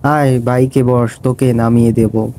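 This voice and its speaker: A man's voice: mid-range voice, level tone, a little slow, mellow, a little hiss or hum, close to an everyday voice, low-quality recording. A man voicing a friendly young man greeting an old school friend.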